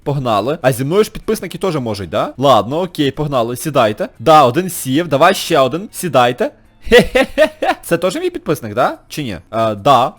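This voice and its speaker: A man hosting a gaming channel, giving chatty let's-play commentary, excitable, laughing often and yelping in high squeals. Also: fairly quick, hardly any pauses.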